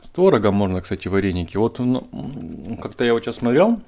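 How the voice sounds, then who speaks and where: Man talking while chewing, low voice. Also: fairly quick, vocal fry. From Russia's Far East. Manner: rambling, relaxed, with fillers. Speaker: mukbang co-host. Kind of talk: casual chat.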